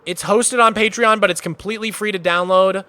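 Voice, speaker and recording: This man's voice sits high and moves fairly quickly in a dry recording. Hailing from Massachusetts, USA, he casually streams a tour of a game world, chatting in a relaxed manner with lots of "like" fillers.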